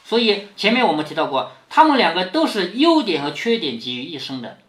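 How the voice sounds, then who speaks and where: Reading a classic novel aloud to his daughter, a man explains the story in a brisk voice that sits high. He keeps posing rhetorical questions to check along the way and brings quoted lines to life. Echo fills the room in the audio.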